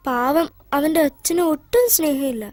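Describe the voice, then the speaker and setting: A woman's voice: high voice, moderate pace, darkish tone, lightly acted. A woman voicing a talkative six-year-old girl in a dubbed film. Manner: talkative, childlike. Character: chatty little girl of six. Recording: film dub with music behind.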